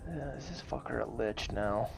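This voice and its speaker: A man's voice: medium pitch, expressive, moderate pace, gravelly, soft background music. A man chatting casually as a player in a tabletop fantasy game.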